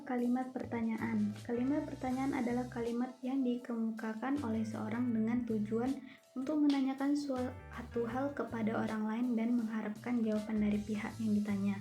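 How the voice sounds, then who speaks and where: A young woman reads her university class presentation aloud, going through numbered points one after another. Her voice sits a little high but has a mellow, soft tone. Faint music plays underneath. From Indonesia. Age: young adult. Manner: reads lists steadily, numbering each point. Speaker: university student presenting an assignment.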